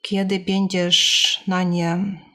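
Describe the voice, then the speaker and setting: A woman speaking carefully and hesitantly in a language she has learned, pausing to search for words in a personal vlog about her language learning. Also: fairly low pitch, flat delivery, fairly bright tone. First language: not Polish or Armenian, both learned languages.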